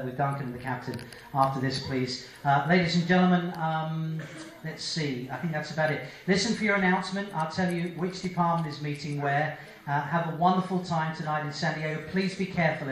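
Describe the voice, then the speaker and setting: A man speaking informally as an upbeat cruise director to a gathering, recorded from far off in a big echoey hall. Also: fairly high pitch. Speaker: cruise director addressing ship's crew. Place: large dark hall aboard a cruise ship. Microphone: amplified speech captured by a distant camera. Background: crowd noise.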